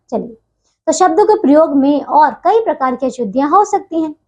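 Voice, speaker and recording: Woman teacher w/ a high voice, slow patient explaining to little kids, keeps checking in. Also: a little mellow. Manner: patient, repeats words and checks with "theek hai". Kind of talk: Hindi grammar lesson for children.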